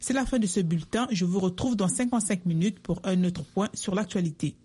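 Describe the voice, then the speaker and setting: A woman's voice: mid-range voice, fairly quick, mellow, husky. A woman presenting a radio news bulletin, reading from a script.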